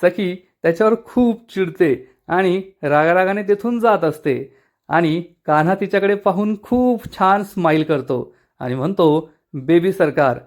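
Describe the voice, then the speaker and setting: A man narrates a TV serial recap, retelling scenes in a lively storytelling way. His voice sits high for a man. He speaks directly to his audience as friends. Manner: lively storytelling addressed to viewers.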